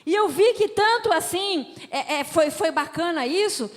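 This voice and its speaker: A woman preaches at a family conference. She tells her stories with lively emphasis. A long reverb from the hall trails behind her words. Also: very high voice, measured pace. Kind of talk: preaching talk with personal stories.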